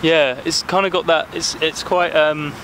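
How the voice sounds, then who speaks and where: A man's voice: a little high, fairly even intonation, moderate pace. A man chatting jokily on a casual vlog while walking through a park with a handheld camera. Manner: jokey, playful rambling. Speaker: vlogger. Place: outdoors in an urban park. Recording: noisy outdoor street recording. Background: traffic and city ambience.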